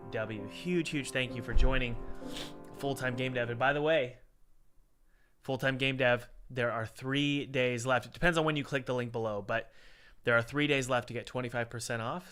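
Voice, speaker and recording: An indie game reviewer streams from a cold home room, window open, talking loosely and repeating himself between chat and an ad read. He sounds stuffy, like he has a head cold, with a medium-pitched, fairly bright voice.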